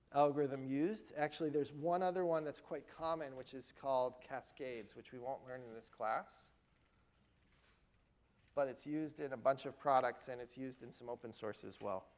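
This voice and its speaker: A man giving a university lecture in a classroom, his voice pitched in a middle register. He walks through the material step by step and keeps checking in with the students. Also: moderate pace, rough recording. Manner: explains step by step, often checks in with "right?" and "okay?". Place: lecture hall.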